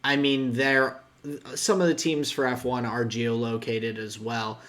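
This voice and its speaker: Speaking a little slowly with a level tone, this young podcast co-host has a medium-pitched, fairly bright voice. His casual chat is loose and rambling, full of restarts and guesstimates.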